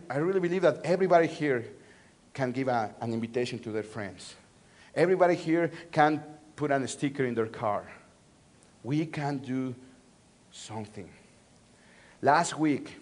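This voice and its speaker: A male pastor from Mexico City with a Mexican Spanish accent, preaching a sermon with call-and-response and repeated phrases. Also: medium pitch. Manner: call-and-response, repeating phrases with swings between loud and soft. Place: church.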